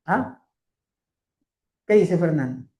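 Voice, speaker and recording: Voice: mid-range voice, lively intonation, dark tone. A Torah teacher leading a scripture class, often putting questions to the listeners and stretching out key phrases. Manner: asks the class rhetorical questions; slow, drawn-out emphasis on key phrases. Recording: roomy echo.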